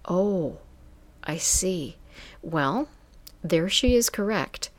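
A woman voicing a sultry grown woman who runs a phone business, speaking smoothly and coaxingly. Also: lowish voice, animated, drawn-out words, no room sound, heavily acted. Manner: smooth, coaxing, calls people dear.

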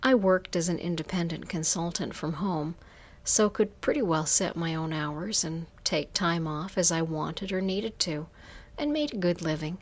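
Woman narrator, erotic storytelling, soft and unhurried delivery with whispered passages. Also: fairly low pitch. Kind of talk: reading an erotic story aloud.

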